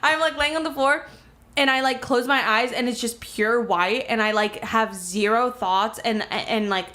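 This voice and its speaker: A woman's voice: a little high, moderate pace, bright, forceful tone. A young woman from Miami, a podcast co-host, telling a story in casual talk full of "like" and swearing. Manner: rambling, many "like" fillers, swearing.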